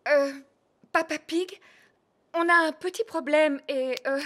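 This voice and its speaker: A woman voicing a kindly, calm mother pig in a preschool cartoon, motherly and reassuring. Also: sits high, takes it slowly. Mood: apologetic.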